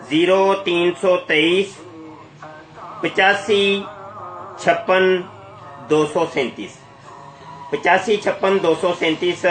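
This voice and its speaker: Male live polemical host, high voice, combative and emphatic, echoey recording. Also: fairly bright tone. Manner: confrontational, accusatory, emphatic. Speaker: YouTube channel host making a live call. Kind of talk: polemical live commentary to listeners. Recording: echoey, roomy sound.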